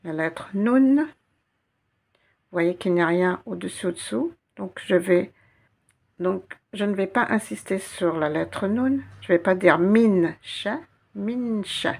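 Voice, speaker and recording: A woman teaching a slow guided reading lesson, spelling out letters and syllables one by one and repeating each sound. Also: lowish voice, lively intonation, vocal fry. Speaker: Arabic teacher.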